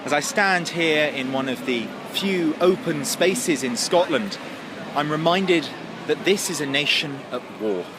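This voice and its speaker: A man presenting a mock travel report in a deadpan, mock-serious manner, outdoors in city streets. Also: on the high side, a little slow, background noise. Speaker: comic presenter.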